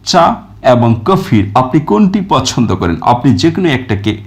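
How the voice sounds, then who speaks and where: A man teaching a recorded grammar lesson, reading example sentences slowly and with stress, then explaining each one. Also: mid-range voice, big pitch swings. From Bangladesh. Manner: reads English examples slowly and with stress, then glosses them. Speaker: English teacher.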